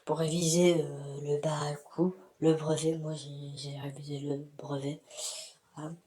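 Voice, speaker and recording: His voice disguised by an altering filter, a man speaks from his bathroom to his YouTube community, rambling frankly with many hesitations in a casual vlog. The pitch runs on the high side, the tone is level and dark, and the pace is measured.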